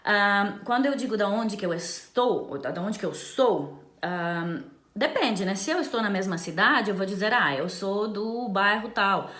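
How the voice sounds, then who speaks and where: This English teacher's voice is mid-range and a bit bright, with lively intonation at a moderate pace. She gives an informal bilingual language lesson, regularly checking in with quick tag questions, and the sound is roomy and echoey.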